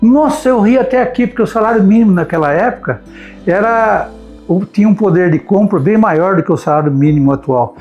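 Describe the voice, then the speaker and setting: A man's voice: sits high, a little fast, muffled recording, soft background music. A man in his seventies with a Brazilian accent, recounting his past in a rambling oral-history interview and often repeating words while he searches for them. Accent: Brazilian Portuguese. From Brazil, São Paulo state. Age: 70s. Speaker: notary interviewee.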